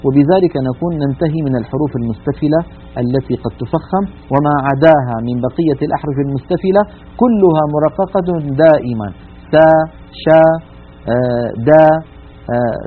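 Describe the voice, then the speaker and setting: A man teaching the rules of Quran recitation in a broadcast lesson, patient and methodical, slowly drawing out each example word. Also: on the high side, expressive, a little hiss or hum. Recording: tinny, narrow-band radio broadcast.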